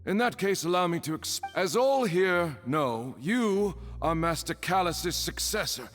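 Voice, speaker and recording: An actor playing a sanctimonious, insistent court accuser in a video game, with grandiose declamatory delivery. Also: male voice, high-pitched, expressive, a little slow, a bit bright. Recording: long hall reverb, music underneath.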